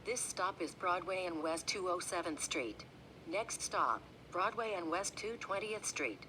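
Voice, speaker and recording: Woman, lower voice, automated bus stop announcement, measured and flat, noisy bus recording. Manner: flat, measured, clipped readout. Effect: bus stop announcement over the onboard speaker. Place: inside a moving city bus. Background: engine rumble and road noise.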